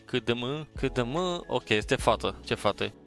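A man's voice: medium pitch, animated, vocal fry, fairly bright tone, faint music behind. A man giving casual, eager commentary as he opens football card packs, urging the game on and tossing in English exclamations. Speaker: gaming streamer opening packs. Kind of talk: casual pack-opening commentary.

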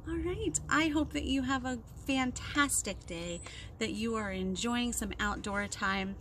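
Out on a backyard deck, a storytime host and children's librarian in her thirties talks to young children, casually and encouragingly explaining activities. She speaks at a measured pace in a fairly high, fairly bright voice. Wind and ambient noise mark the outdoor recording.

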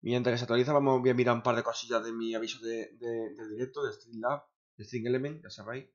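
Grumbling streamer, lo-fi sound. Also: male voice, medium pitch, fairly even intonation, fast talker. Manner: grumbling, swears often, talks to himself. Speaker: gaming streamer. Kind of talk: casual streaming chatter. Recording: dull lo-fi sound.

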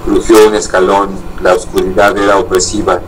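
A man's voice: low voice, little pitch movement, moderate pace. A man steadily reading a horror story aloud, with a few slips and restarts. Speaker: reader. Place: indoors, live stream. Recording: distant mic, faint air-conditioning hum.

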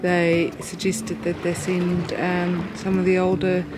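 A woman's voice: on the low side, completely flat delivery, takes it slowly, over music, poor audio. A woman talking casually while sailing, rambling with frequent fillers and restarts. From New Zealand. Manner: rambling, hesitant with many fillers. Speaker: sailing vlogger. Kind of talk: casual off-camera commentary. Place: outdoors on a sailboat.

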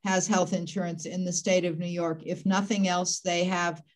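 A woman's voice: on the low side, little pitch movement, moderate pace, rough recording. An older woman on a video call panel, explaining medical facts in an informative, matter-of-fact way.

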